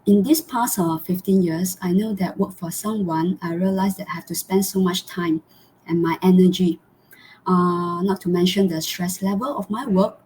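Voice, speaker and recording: A woman's voice: lowish voice, fairly even intonation, normal speed, a little mellow, a little hiss or hum. A woman from Malaysia, hosting a live online interview over a video call in an earnest way, with many fillers and restarts. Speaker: host.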